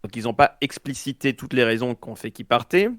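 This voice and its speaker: A man's voice: mid-range voice, brisk, a bit bright, dry recording, studio quality. A man with a slight lisp, his s slushing toward sh, discussing news in a casual, slangy way with sarcastic asides. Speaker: panelist.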